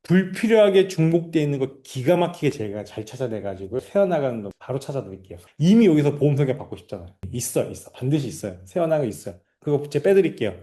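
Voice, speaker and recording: A man teaching financial planners in a lively lecture, acting out scolding clients and family members as he explains. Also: medium pitch. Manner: animated, acts out scolding customers and clients.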